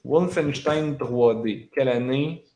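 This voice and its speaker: A man's voice: medium pitch, slow, darkish tone. A man with a Quebec French accent, rambling casually through a video game's story with many fillers. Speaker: gamer recounting a video game. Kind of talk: casual chat.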